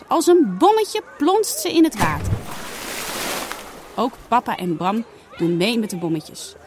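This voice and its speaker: A woman reads a children's storybook aloud with a lively, animated voice that rides high and swings widely in pitch. She brings each scene to life with expressive reading. There is a faint hum of outdoor ambience behind her. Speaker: storybook reader.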